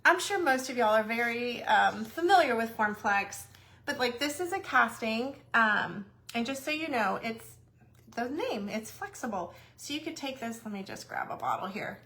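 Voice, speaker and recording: A woman's voice: fairly high pitch, expressive, moderate pace, pushed and bright. A woman hosting a casual craft livestream, chatty and a little nervous, greeting viewers by name.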